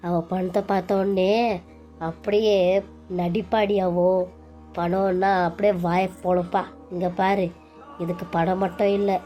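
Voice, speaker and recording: A woman's voice: medium pitch, warm tone, close to an everyday voice. A woman voicing a spiteful, gossiping older woman in a cartoon serial, sneering at a daughter-in-law.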